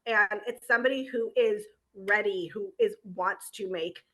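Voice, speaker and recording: Halting, laughing woman guest in her forties. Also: medium pitch. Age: 40s. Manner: warm, halting, laughs easily. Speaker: guest, life coach. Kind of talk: interview chat.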